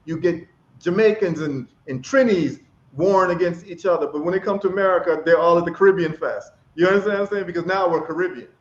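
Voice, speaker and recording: A Ghanaian man with a high voice talks fast as a guest in a casual live stream call, speaking passionately and repeating phrases for emphasis. The stream audio is lo-fi, dull and echoey.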